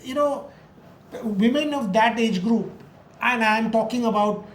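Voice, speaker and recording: A woman's voice: on the high side, unhurried. A woman in a casual discussion, talking emphatically with rhetorical questions and repeated words. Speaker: cricket discussion host. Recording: roomy echo with faint noise.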